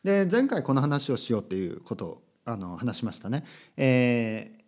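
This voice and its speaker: Chatty man with a lively voice. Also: medium pitch, moderate pace. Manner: chatty, self-correcting, asks listeners rhetorical tags. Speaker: podcast host. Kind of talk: casual solo podcast talk. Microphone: podcast microphone.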